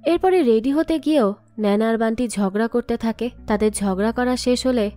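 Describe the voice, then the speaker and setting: A woman narrating a family story recap in a brisk, matter-of-fact way. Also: on the high side, dark tone.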